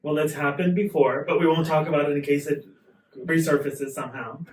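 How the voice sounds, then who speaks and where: A man's voice: a little high, fairly even intonation, brisk. Male interviewer in an echoey room. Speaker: interviewer reading out questions. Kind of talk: casual interview chat. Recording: echoey room, distant mic, faint noise.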